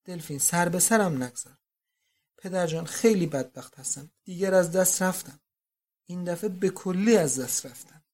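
A reader voicing a distressed young countess in an audiobook, speaking in a plaintive, pitiful tone. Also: female voice, on the low side, a little mellow, natural voice. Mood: desperate. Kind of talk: audiobook reading.

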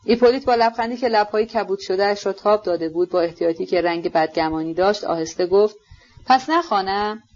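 A woman narrating a classic novel in a steady, measured storytelling voice. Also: mid-range voice, dull audio. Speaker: audiobook narrator.

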